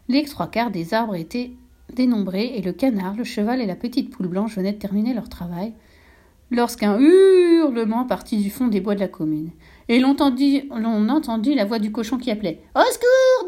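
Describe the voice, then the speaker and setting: Brief: woman narrator, storybook reading, soft mellow tone, mid pitch.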